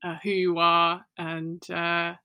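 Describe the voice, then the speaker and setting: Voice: mid-range voice, completely flat delivery, takes it slowly, smooth, dull audio. A podcast host in casual chat, joking playfully and encouraging the guest.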